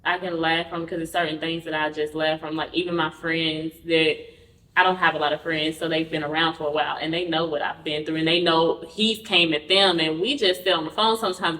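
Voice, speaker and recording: A woman's voice: low-pitched, steady tone, a little fast, pushed and bright, a little hiss or hum. A woman guest on a podcast telling her personal story frankly, acting out the voices of the people in it. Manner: frank, acts out quoted dialogue while recounting. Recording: roomy, distant mic.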